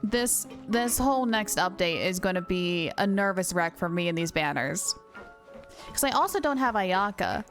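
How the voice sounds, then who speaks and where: A female game streamer chats casually during a livestream, excitable and gushing, and she baby-talks to her dog. Her mid-range voice moves at a moderate pace over soft background music. She uses a streamer's mic and wears headphones.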